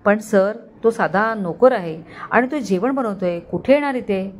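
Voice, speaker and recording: A woman voicing a quick-witted young man who reassures and speaks politely in a read-aloud story. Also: mid-range voice, slight background noise, close to an everyday voice. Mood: reassuring.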